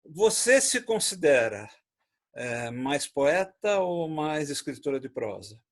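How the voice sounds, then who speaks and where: A man from Brazil with a rather high voice leads a conversational interview. He asks brief, encouraging questions. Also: very animated, slow pace.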